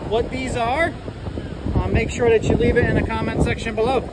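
A middle-aged man with a strikingly high voice narrates his fishing trip on a sandy beach. His talk is upbeat and casual as he shows each catch to the camera. Loud wind and crashing surf roar over the recording. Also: fairly even intonation, moderate pace. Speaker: fishing vlog host.

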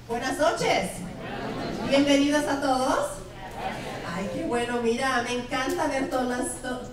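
A high-pitched, middle-aged Brazilian woman, a native Portuguese speaker with a Brazilian accent, welcomes parents as school principal in a big school cafeteria hall. She's chatty and playful, tossing questions at the audience through a handheld mic. The hall echoes and the camera mic is far off.

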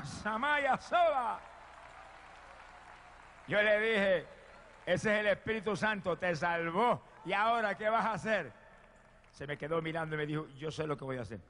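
A man preaching a sermon and telling his own testimony, fervent, swinging from loud exclamations to hushed storytelling. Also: a little high. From Puerto Rico. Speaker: evangelist preacher. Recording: long hall reverb.

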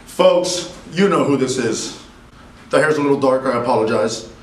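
A man's voice: medium pitch, lively intonation, normal speed, noisy background, natural voice. Man acting a boastful political-style hype man, comic wrestling promo, emphatic repeated phrases, echoey classroom, distant mic. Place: small classroom at a lectern. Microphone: camera a few meters away.

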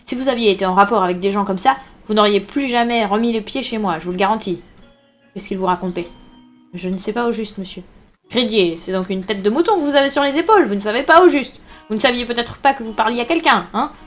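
A woman reading a novel aloud and putting on the voice of a loud, crafty one-legged male pirate innkeeper who talks in a booming, theatrical way. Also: steady tone, brisk, faint music behind, natural voice. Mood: blustering.

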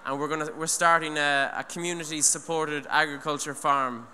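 A young adult Irish man talks earnestly at an eco event, standing on stage in a large hall with a handheld mic, rambling with restarts and "you know". His voice is on the high side with fairly even intonation, normal speed, and a pushed, bright quality. The recording picks up a long hall reverb and faint noise.

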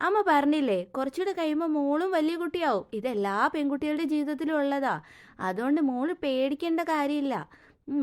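A woman voicing a gentle, patient cartoon mother who soothes and explains things to her daughter. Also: high voice, natural voice. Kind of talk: cartoon voice acting.

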